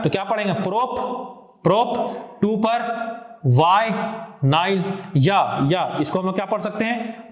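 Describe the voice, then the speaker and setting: A man's voice: sits high, reverberant. A male chemistry teacher giving a classroom lecture, fondly addressing his students and repeating questions in a call-and-response pattern.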